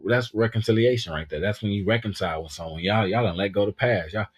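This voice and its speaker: Man, thirties, podcast co-host, deep voice, loose chatty delivery with repeated words. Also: fast, breathy edge. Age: 30s. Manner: animated, repeats words while gathering thoughts. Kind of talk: casual podcast chat.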